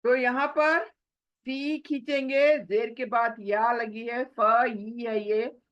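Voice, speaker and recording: A woman teaching Quran recitation rules slowly, drawing out syllables and answering her own questions. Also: on the high side, fairly even intonation, dull audio. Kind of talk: slow tajweed lesson, spoken and recited.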